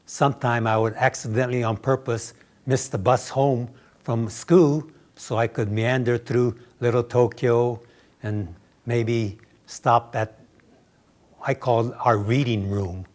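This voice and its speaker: A man's voice: medium pitch, fairly even intonation, measured pace, darkish tone. A man in his nineties from Los Angeles, telling childhood memories in a wry, storytelling way. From Los Angeles, USA. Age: 90s. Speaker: interviewee. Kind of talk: reminiscing interview.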